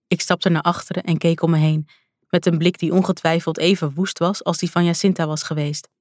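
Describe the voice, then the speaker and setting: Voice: medium pitch, no echo. An audiobook narrator telling a first-person fantasy story in a tense, dramatic way. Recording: dry, close studio sound.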